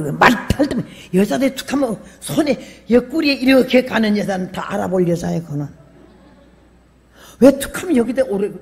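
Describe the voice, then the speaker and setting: Gravelly older woman preaching in a hall. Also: mid-range voice. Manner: folksy storytelling with humor; bursts into loud emphatic calls. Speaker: missionary preacher. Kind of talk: sermon. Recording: long hall reverb.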